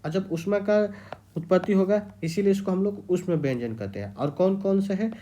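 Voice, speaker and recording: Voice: mid-range voice, expressive, moderate pace, mellow, a little hiss or hum. A teacher giving an exam-prep grammar lecture, repeating key terms and quizzing the students.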